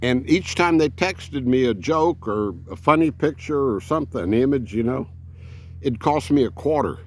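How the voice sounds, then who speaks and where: A man's voice: mid-range voice, expressive, moderate pace. A man, telling rambling folksy stories as an RV vlogger. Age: 70s. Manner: rambling, folksy, many fillers. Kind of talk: casual storytelling.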